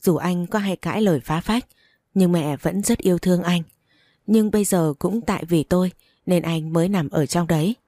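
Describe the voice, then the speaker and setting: A woman reads a romance story aloud in a steady, even voice. Her tone is low and warm, recorded close with no room sound. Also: moderate pace, no room sound. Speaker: story narrator. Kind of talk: scripted narration of a romance story.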